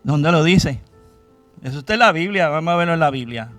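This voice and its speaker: A man's voice: a little high, animated, fairly quick, fairly bright tone, no room sound, soft background music. A man preaching a sermon, questioning his congregation and acting out cries to God. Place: church.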